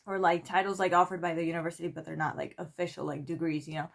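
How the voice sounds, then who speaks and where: Gravelly, fairly low and quick, the voice comes from a twentysomething Spanish woman vlogging as a PhD student in English. She tells a meandering story to camera, chatty and full of "like" and "you know," bringing quoted lines to life with lively voices.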